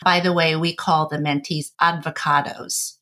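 A middle-aged woman from Indonesia, a podcast guest talking in an animated, chatty way and laughing easily. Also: sits low, moderate pace. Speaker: podcast guest, architecture firm executive. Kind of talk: conversational interview.

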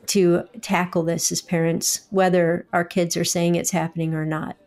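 A woman's voice: lowish voice, little pitch movement, normal speed, darkish tone. A woman hosting an interview, asking direct, practical questions. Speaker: host.

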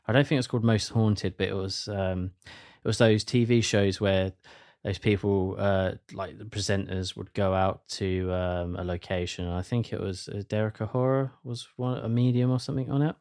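A man's voice: lowish voice, fairly even intonation, moderate pace, a little mellow. Rambling man telling a story. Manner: rambling, many fillers and restarts. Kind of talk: casual spoken storytelling.

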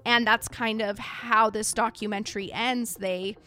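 A woman's voice: fairly high pitch, fairly even intonation, measured pace, sharp tone. A woman hosting a podcast in casual, earnest talk, with trouble pronouncing her R's so they sound like W's. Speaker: podcast host.

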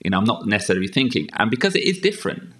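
A man's voice: fairly low pitch, rapid-fire. A British man talking casually as a guest in an interview, sprinkling Japanese words into his English. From United Kingdom. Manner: relaxed, mixes in Japanese words. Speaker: guest, stand-up comedian.

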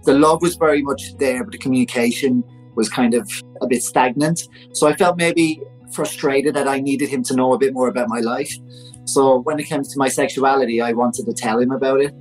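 A man in his forties, a podcast guest telling a personal story in a chatty, animated way full of fillers. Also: medium pitch, a little fast, soft background music, low-quality recording. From Ireland. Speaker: interview guest.

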